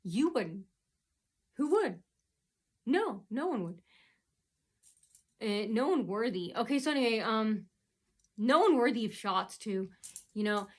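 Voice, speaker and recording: Slow and expressive with long pauses, a woman's voice sits on the high side. She's an American vlogger drifting through a casual monologue, piling on ums and uhs and repeatedly circling back with "so anyway."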